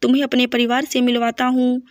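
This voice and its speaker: A woman's voice: a little high, level tone, brisk, no echo, clean studio sound, lightly acted. A woman reading as a jovial old father-in-law. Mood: fond. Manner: affectionate, jovial. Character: cheerful older father-in-law.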